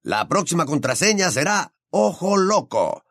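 A man's voice: a little high, very animated, unhurried, a bit bright, dry recording, studio quality, pitched above the performer's own voice, heavily acted. A man voicing Lee, a young male secret radio host signing off to listeners, in an audiobook reading. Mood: solemn. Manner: radio announcer delivery.

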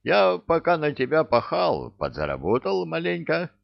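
A man's voice: fairly high pitch, huge pitch swings, normal speed, vocal fry, dry recording, muffled recording, voice pushed up, exaggerated voice. A man voicing a cheeky, glib young adventurer who wheedles, in an audiobook. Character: cheeky young male adventurer, smooth-talking chancer.

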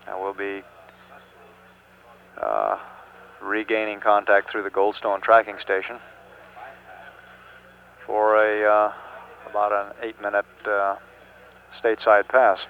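An American man giving live spaceflight commentary as a mission control announcer, in a measured, halting official delivery. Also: on the low side, vocal fry. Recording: muffled phone-like archival audio, faint hiss.

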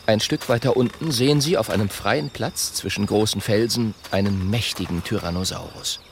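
A man narrating a children's story in an expressive scripted style. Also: lowish voice, moderate pace, gravelly, a little hiss or hum.

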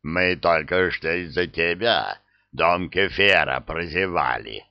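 A man doing a gruff angry thief. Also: sits low, wildly swooping pitch, slow, dry recording, exaggerated voice. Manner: gruff, curt. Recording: dull dry studio sound.

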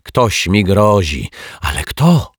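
Guy putting on a flustered caretaker voice, fretful, slow and worried, husky. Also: very animated, no room sound, clean studio sound, heavily acted. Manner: fretful, pleading, higher pitched. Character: nervous flustered middle-aged male caretaker.

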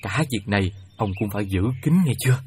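An actor playing a heavenly god disguised as an old beggar, speaking in a slow, halting, sly way. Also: male voice, fairly low pitch, a little hiss or hum, lightly acted. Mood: secretive. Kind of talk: radio play acting.

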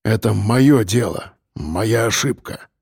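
A narrator puts on a stubborn bodyguard in a storybook reading, speaking low and clipped with a restrained edge. The voice is gravelly and husky and sounds close and dry. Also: male voice, normal speed, a little mellow, no echo. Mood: grim.

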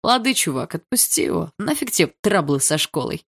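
A man's voice: fairly high pitch, sing-song, fairly quick, gravelly, a bit bright, husky, full character voice. A woman voicing a cocky teenage schoolboy who talks in slang with a smirk.

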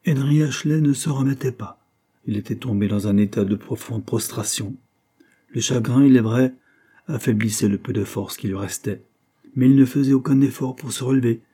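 Male narrator, audiobook, warm dark voice, husky. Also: on the low side. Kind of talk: scripted narration.

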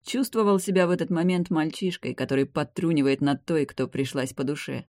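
A reader narrating a fantasy audiobook in the first person, slow and measured, at a middle pitch. The recording is dry and close, with no room sound. Each sentence is laid out evenly. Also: fairly even intonation, mellow, dry recording.

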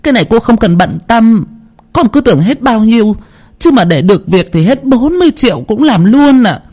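A man's voice: extremely high pitch, animated, a little fast, dark tone, pitched above the performer's own voice. A man voicing an eager middle-aged mother who talks in an effusive, ingratiating way, in a storytelling narration.

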